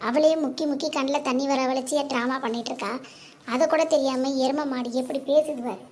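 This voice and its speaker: A performer doing a shrill scolding old mother. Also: fairly even intonation, a little fast, crowd noise, natural voice. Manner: shrill nagging scolding, insults. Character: quarrelsome elderly mother, sharp-tongued and scolding. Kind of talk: cartoon comedy voice acting.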